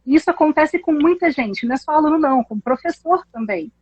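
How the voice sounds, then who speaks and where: A woman, an English teacher explaining pronunciation in a casual chat, animated and laughing often. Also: sits high, fairly quick, dry recording, dull audio.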